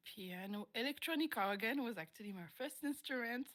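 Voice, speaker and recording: A French-born woman whose first language is French, talking in a relaxed, chatty way as an interview guest. Her voice sits a little high, and she laughs easily while hunting for the right English word. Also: fairly quick, noisy background. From France. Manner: chatty, laughs often, searches for English words. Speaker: interviewed musician. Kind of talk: casual interview chat.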